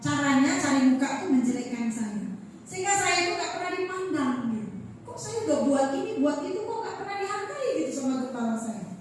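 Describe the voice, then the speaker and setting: A middle-aged woman pastor from Manado, Indonesia, preaches an animated sermon full of personal stories, often turning to address the congregation. Her voice is high and a little fast. She is recorded from far off in an echoey church hall, with slight background noise.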